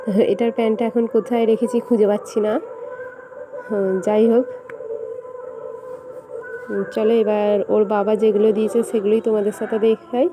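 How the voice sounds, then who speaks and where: A young woman vlogger chatting casually and speaking softly at home so her sleeping son stays asleep. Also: mid-range voice, level tone, brisk, pauses often, background noise. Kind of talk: casual vlog chat. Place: at home indoors. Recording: home recording with music playing nearby. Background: fair music playing nearby.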